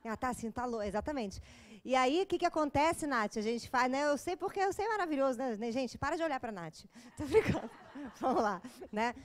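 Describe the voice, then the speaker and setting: High-voiced joking Brazilian woman lecturer. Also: animated, brisk. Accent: Brazilian Portuguese. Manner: joking, chatty, with acted asides. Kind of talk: informal lecture to a live audience.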